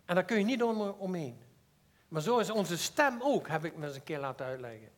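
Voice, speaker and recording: A man with a Limburg Dutch accent preaching a sermon, earnest and personal, swinging between loud emphasis and quiet asides. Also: sits high, big pitch swings, brisk.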